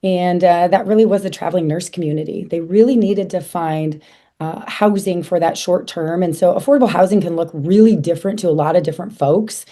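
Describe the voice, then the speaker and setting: Hoarse, mellow-voiced woman from South Dakota. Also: lowish voice, a little fast. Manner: chatty, many fillers and restarts. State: hoarse from a cold. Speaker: guest, association leader. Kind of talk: casual interview chat.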